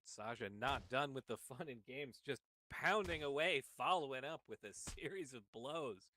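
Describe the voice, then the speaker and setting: Bright-voiced male wrestling commentator. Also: mid-range voice, a little hiss or hum. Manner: excited, calls moves quickly. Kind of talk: play-by-play commentary.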